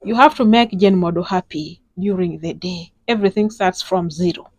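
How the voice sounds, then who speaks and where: A woman's voice: fairly low pitch, normal speed, a little mellow, no echo, poor audio. A woman, hosting a casual instructional talk and chatting directly with her viewers. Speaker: host, sex educator.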